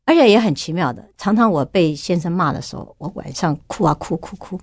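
Middle-aged woman guest, low-pitched and quick, earnest testimony. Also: lively intonation, darkish tone, breathy edge, no room sound, studio quality. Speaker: guest sharing her testimony. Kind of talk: personal faith testimony.

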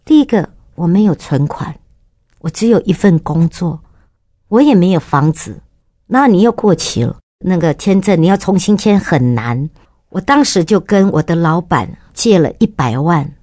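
Animated woman telling a faith story. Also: dry recording, studio quality. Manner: lively storyteller, bursts into high excited pitch when reliving moments. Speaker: guest giving a testimony.

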